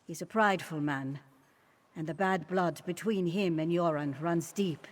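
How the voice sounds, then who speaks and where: Queen Gerhild, regal and low-toned. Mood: grave, measured. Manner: formal, regal, deliberate. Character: dignified, measured, politically shrewd fantasy queen. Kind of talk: video game character dialogue.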